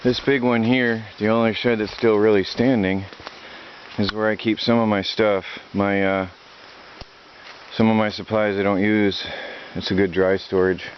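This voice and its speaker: A man's voice: lowish voice, little pitch movement, normal speed. Man vlogging outdoors by a creek, noisy audio. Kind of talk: casual rambling vlog narration. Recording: dull lo-fi outdoor audio, loud creek and nature noise. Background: running creek water, insects.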